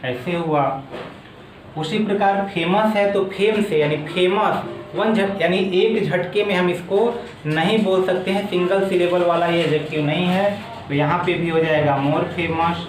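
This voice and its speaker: High-voiced man teaching grammar. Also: fairly even intonation. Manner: slow, step-by-step explaining, repeating each word form. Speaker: English teacher. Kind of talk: explaining grammar in a video lesson. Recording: echoey room with faint background noise.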